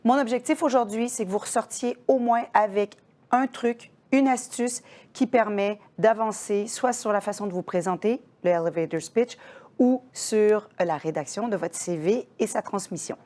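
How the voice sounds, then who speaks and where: Woman giving job tips in a webinar, mid pitch, chatty. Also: moderate pace, mellow. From Canada. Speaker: employment counselor. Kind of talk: webinar presentation.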